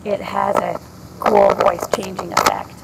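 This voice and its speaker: A woman's voice: medium pitch, a little slow, gravelly, heavy background noise. A woman hosting a casual product demo, speaking through a voice changer that plays out of a small speaker. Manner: chatty, relaxed, explaining as she goes. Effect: voice changer played through a small speaker. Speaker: host showing electronics products.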